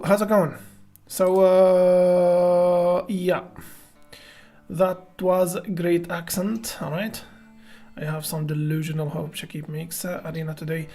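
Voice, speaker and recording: A woman with a fairly low voice streams a chess game live, greeting her chat by name as she plays. She talks through her moves in a hesitant, halting way, starting sentences over as she thinks. Soft music plays faintly under her voice. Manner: thinks aloud hesitantly with many fillers and restarts.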